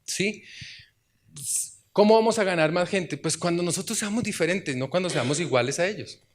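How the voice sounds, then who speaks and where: A man preaching a sermon in church, chatting with the congregation, asking rhetorical questions and breaking into loud exclamations. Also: high voice, moderate pace.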